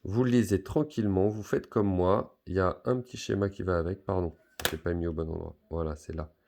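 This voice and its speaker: A man's voice: low-pitched, steady tone, brisk, creaky, darkish tone. A man teaching a school math lesson, patiently talking pupils through each step of a word problem with many fillers.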